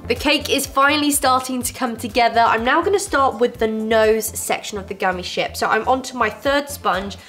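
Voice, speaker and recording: A woman's voice: a little high, normal speed, hardly any pauses, a bit bright, faint music behind. A young woman, hosting a baking tutorial from her home kitchen and giving friendly, reassuring step-by-step instructions. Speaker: baking show host. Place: home kitchen with fairy lights.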